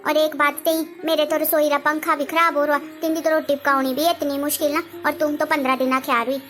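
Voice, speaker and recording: A woman plays a bossy sister-in-law in a homemade family drama, high-pitched, speaking. She is sarcastic and full of excuses, and faint music plays underneath. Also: level tone, a little fast, a bit bright. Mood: taunting. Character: sharp-tongued lazy sister-in-law, middle-aged woman.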